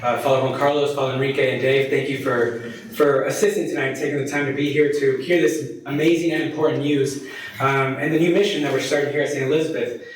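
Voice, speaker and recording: A young Colombian fundraising consultant gives a friendly, joking presentation to a parish audience, full of fillers. His voice is medium-pitched with fairly even intonation and a quick pace. A distant mic in a very echoey hall picks him up, with a little hiss or hum.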